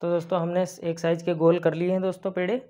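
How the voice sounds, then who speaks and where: A man's voice: high voice, completely flat delivery, fast talker, warm tone. A young man, host of a baking channel, talking viewers through a recipe step by step and addressing them as friends over and over. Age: young adult. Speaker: baker and cooking channel host. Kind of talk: cooking tutorial voice-over. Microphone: lapel mic. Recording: dull lo-fi sound.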